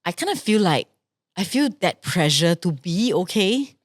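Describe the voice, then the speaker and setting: A young adult woman co-hosting a podcast in casual chat, reflective and quick to murmur agreement. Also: on the low side, sing-song, dry recording, studio quality. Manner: reflective, backchannels often with soft agreement. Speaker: podcast co-host, singer.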